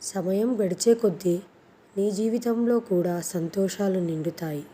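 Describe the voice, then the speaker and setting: A woman's voice: medium pitch, a little slow, dark tone, husky. A woman reading the lines of a worried mother earnestly explaining herself to her daughter.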